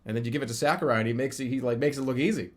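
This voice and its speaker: On a livestream, a man in his thirties delivers casual chat commentary in a racing, mid-range voice, rambling and repeatedly restarting or repeating his phrases.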